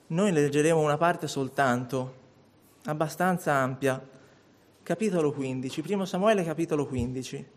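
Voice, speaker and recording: A male preacher whose voice sits a touch high for a man. He reads scripture to a church congregation, taking it slow and deliberate, then steps into a sermon. His delivery stays steady and measured from start to finish. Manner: measured, deliberate reading aloud. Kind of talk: sermon with Bible reading.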